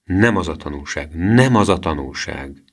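A man's voice: low-pitched, lively intonation. A man doing a grumbling old grandmother.

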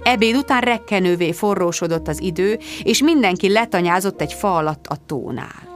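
A woman narrating a first-person novel as an audiobook, with wry, expressive storytelling. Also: medium pitch, music in the background.

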